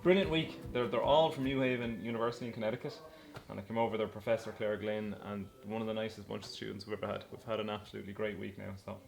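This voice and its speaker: A man gives a casual interview in a fairly low, creaky voice. He talks fast, with faint music behind him. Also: level tone, darkish tone, low-quality recording.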